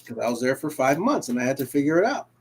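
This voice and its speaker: A man whose first language is Creole, telling a personal story in casual live talk-show chat, animated and emphatic, often repeating himself. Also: mid-range voice, fast talker, slightly rough. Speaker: co-host.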